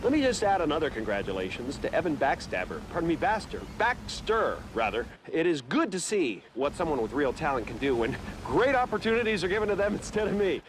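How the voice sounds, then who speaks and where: A man's voice: on the high side, sing-song, fairly quick, background noise. An actor playing a resentful male TV reporter, sarcastic and bitter, live on location. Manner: bitter, sarcastic, builds to shouting. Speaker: field news reporter. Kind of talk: film comedy acting.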